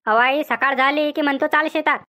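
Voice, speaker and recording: A woman's voice: high voice, steady tone, fairly quick, sharp tone. A woman voicing a complaining young village wife in a cartoon comedy, with a rural Vidarbha Marathi accent. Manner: whiny, complaining.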